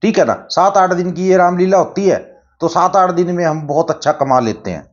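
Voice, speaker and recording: A man's voice: high-pitched, brisk, pitched above the performer's own voice, natural voice. A man quoting a brash, unrepentant teenage pickpocket girl in his story, in a slightly raised voice. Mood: boastful. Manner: brash, matter-of-fact. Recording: slightly dull lo-fi recording.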